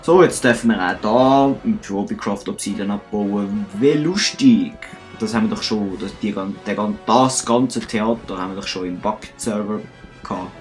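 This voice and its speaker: A man's voice: fairly low pitch, moderate pace, faint music behind. A man with a Swiss German accent giving casual, chatty commentary over his gameplay, joking at his own mistakes. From Switzerland. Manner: chatty, self-mocking, talks to himself and viewers. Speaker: let's play host.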